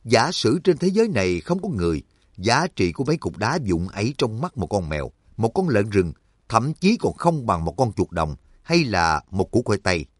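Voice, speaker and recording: A man's voice: on the low side, very animated, moderate pace, husky, dry recording, studio quality. A man reading a smug, menacing villain. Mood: smug lecturing. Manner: lecturing, self-satisfied. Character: smug, menacing man who scorns humans. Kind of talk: audiobook character reading.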